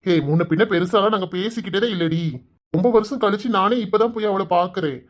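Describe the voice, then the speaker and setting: Cartoon role: a teasing, soft-spoken young village man with a Kanyakumari Tamil accent, a woman doing the voice. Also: medium pitch, close to an everyday voice. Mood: reassuring. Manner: teasing and coaxing, soft and drawn-out. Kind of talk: cartoon voice acting.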